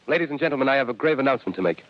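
A man acts a solemn radio announcer in an old drama. His delivery is formal and fast, at a middle pitch. The vintage recording sounds dull. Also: lively intonation, no echo, natural voice. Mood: grave. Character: grave male radio announcer declaring dire news.

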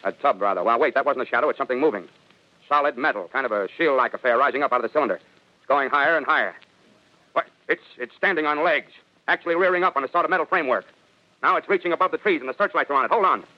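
A male actor plays a military captain reporting from the field in an old radio play. He is quick and clipped, at a middle pitch. The 1930s recording is dull. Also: no room sound, close to an everyday voice. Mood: mounting alarm. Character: confident male army captain reporting from battlefield.

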